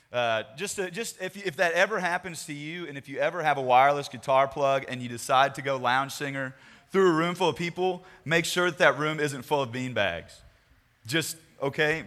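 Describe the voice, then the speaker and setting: A man's voice: a little high, a bit bright. A young man speaking casually to a youth group, rambling and self-deprecating with jokes before turning to a sermon. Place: large meeting room with a crowd. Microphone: handheld microphone. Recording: hall reverb.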